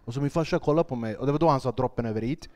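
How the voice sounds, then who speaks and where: A man's voice: mid-range voice, a little mellow. Joking man hosting a podcast. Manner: joking, plays out quotes, asks probing questions. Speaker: podcast host, comedian. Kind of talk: casual chat.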